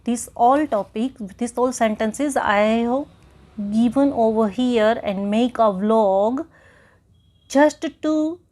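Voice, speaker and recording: A woman's voice: a little high, very slow, darkish tone. A woman with an Indian English accent teaching an English grammar lesson. She explains patiently, repeats her points and keeps checking in with the listener.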